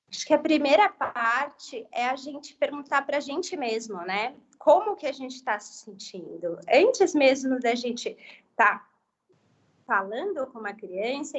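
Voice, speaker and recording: A woman speech therapist as a guest on a live health talk, explaining gently and often adding tag questions. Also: sits high, breathy edge, dull audio.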